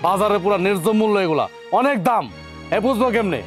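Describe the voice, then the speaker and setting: An indignant young husband with a colloquial Bangladeshi Bengali accent, scolding in a fairly high voice. He talks fast, and soft music plays underneath. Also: animated. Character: angry young husband defending his mother. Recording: with faint background music.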